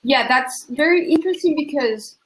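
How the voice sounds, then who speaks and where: A young woman speaks as a panelist, reflective and full of fillers. Her voice sits a little high. The room around her is echoey. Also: expressive, moderate pace, a little hiss or hum. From Colombia. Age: young adult. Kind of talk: panel discussion answer.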